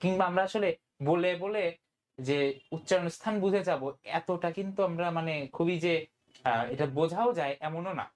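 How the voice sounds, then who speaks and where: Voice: mid-range voice, normal speed. A tutor teaching an online Bangla grammar class, often asking "okay?" and mixing in English words. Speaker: admission test tutor.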